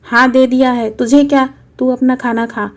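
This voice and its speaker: A woman voicing a harsh, scornful young mother in a storybook reading, speaking in a sharp, scolding way. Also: sits high, little pitch movement, normal speed. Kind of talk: storybook narration.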